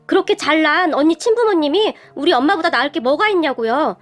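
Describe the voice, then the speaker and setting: A woman voicing a furious young sister-in-law who yells shrilly in an audio story. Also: animated, a little fast. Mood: sarcastic. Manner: shrill yelling.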